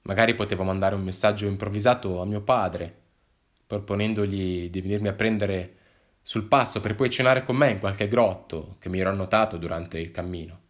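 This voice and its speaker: A man narrating a first-person story in a wry, measured, expressive way. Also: on the low side.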